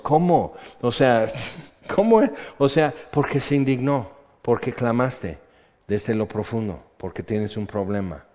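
An older man preaching a sermon, animated and conversational, dropping to a hush for emphasis. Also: medium pitch. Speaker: pastor. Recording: echoey hall, dull lo-fi sound.

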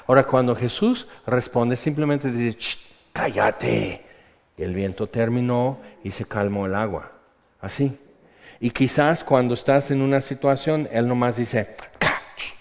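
An older man preaching a sermon, animated and conversational, dropping to a hush for emphasis. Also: mid-range voice, normal speed. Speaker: pastor. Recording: echoey hall, dull lo-fi sound.

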